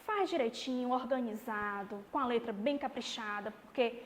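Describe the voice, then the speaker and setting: A woman teaching a class of young schoolchildren, explaining patiently and slowly, often checking in with the listener. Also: on the high side. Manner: patient, slow and explanatory, with frequent "tá bom?" check-ins. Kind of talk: recorded remote class lesson. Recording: long reverb, faint background noise.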